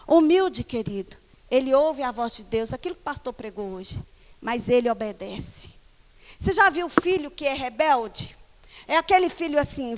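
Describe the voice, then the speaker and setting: A woman pastor with a Brazilian Portuguese accent, preaching a sermon in a church hall and moving between animated storytelling and scolding the congregation. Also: a little high. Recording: long church reverb.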